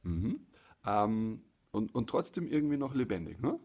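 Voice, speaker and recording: A man in his forties chatting casually to camera in a halting, hesitant way, with a gravelly, husky voice. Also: lowish voice, very animated, darkish tone. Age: 40s. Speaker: hobby puppeteer and vlogger. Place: small living room, indoors. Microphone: phone or camera at arm's length.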